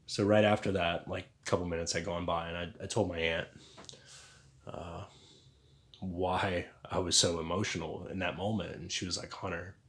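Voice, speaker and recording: A man telling a personal story in a casual, halting way, earnest and confessional, with lots of fillers and restarts. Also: low-pitched, fairly even intonation, fairly bright tone.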